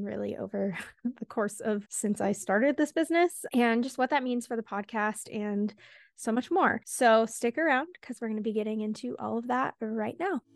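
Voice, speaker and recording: Woman podcast host, casual and chatty, a touch out of breath, higher voice, dry close sound. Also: dry recording. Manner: chatty, quick, laughs between words. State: a little out of breath. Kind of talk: casual solo podcast chat.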